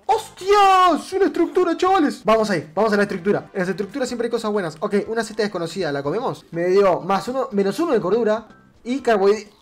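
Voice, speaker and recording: A man with an Argentine Rioplatense accent giving let's-play commentary, excitable, swearing a lot and shrieking at scares. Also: sits high, fast talker, soft background music. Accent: Argentine Rioplatense Spanish. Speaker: gamer.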